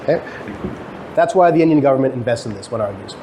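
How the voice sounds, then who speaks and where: This lecturer, an academic researcher originally from Guyana who moved to Canada, speaks quickly and expressively in a medium-pitched, dark voice. Addressing students in a lecture room, he poses questions and answers them himself in a conversational explanation. The live recording is clearly noisy.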